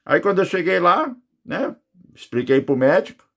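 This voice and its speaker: A high, husky, slightly bright voice carries this Brazilian father's sing-song account at normal speed. He's a near-death experience witness giving rambling personal testimony, heavy with fillers, in a Brazilian Portuguese accent.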